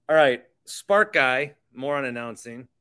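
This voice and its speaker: With a clean, sharp, mid-range voice and lively intonation, a man unhurriedly hosts a sports podcast. His talk is conversational and full of opinion, with repeated phrases for emphasis and sponsor reads mixed in.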